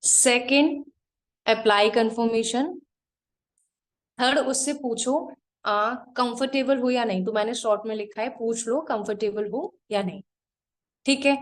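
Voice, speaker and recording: With a fairly high voice, a woman teaches a live online class as its trainer. She keeps things direct and practical, covering her points one after another and slowly repeating them for students who are taking notes.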